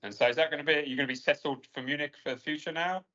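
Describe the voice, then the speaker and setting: A man hosting a podcast interview, relaxed and sprinkling his questions with uh and um. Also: a little high, rapid-fire. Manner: relaxed, many uh and um fillers. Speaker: podcast host. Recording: lo-fi remote audio.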